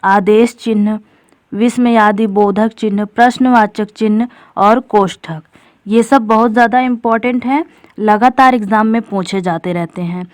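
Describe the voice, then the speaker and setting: A woman's voice: mid-range voice, fairly even intonation, measured pace, a little mellow, no room sound, clean studio sound. A woman teacher explaining a grammar topic step by step for exam preparation, addressing viewers directly as friends. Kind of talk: exam-prep grammar lesson.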